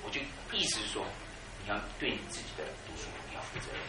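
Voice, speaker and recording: Animated man preaching. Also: lowish voice, quick pace. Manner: animated storytelling, laughing at his own jokes. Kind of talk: sermon. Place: church hall. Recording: echoey church hall, mic far off, noisy.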